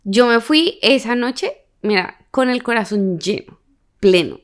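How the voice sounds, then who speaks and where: A woman in a casual podcast chat, telling stories with animated, laughing energy and acting out the people she quotes. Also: fairly high pitch, unhurried.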